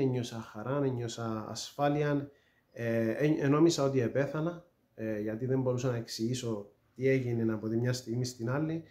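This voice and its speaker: A middle-aged man giving an earnest personal faith testimony, hesitant, with many pauses and fillers. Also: mid-range voice, darkish tone. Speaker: testimony speaker. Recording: echoey room.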